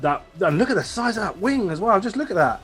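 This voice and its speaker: A man's voice: high-pitched, big pitch swings, quick pace, over music. A man chatting casually as the host and interviewer. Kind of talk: casual chat.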